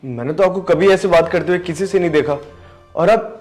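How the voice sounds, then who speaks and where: A man's voice: sits high, a little fast, a little mellow, soft background music, close to an everyday voice. A young man playing an earnest younger brother who pleads and reproaches in a scripted family skit. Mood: pleading. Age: young adult.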